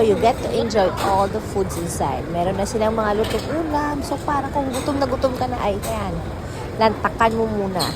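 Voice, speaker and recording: A woman's voice: medium pitch, very noisy. A Filipino woman narrating a casual promotional food vlog, chatting straight to viewers and switching between Tagalog and English. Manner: chatty, addresses viewers directly. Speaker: food vlogger.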